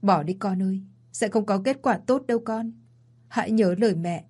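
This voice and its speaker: A woman's voice: mid-range voice, normal speed, dark tone, husky, natural voice. A woman voicing a weak, dying older mother in a story reading, by turns stern and pleading.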